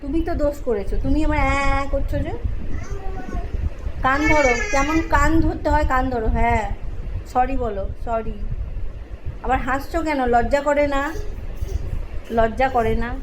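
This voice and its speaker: A woman's voice: high voice, moderate pace, long pauses, background noise. A woman, vlogging at home as a mother who scolds her toddler in an exasperated, half-joking way. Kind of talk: casual scolding vlog.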